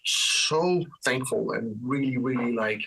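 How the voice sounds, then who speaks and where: A Danish-accented man talks loosely through an interview, restarting his sentences as he goes. His voice is bright and a little husky. He sits slightly back from the mic. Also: mid-range voice, takes it slowly, distant mic, rough recording. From Denmark. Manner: relaxed, rambling, frequent restarts and fillers. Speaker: guitarist guest. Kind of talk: casual interview chat.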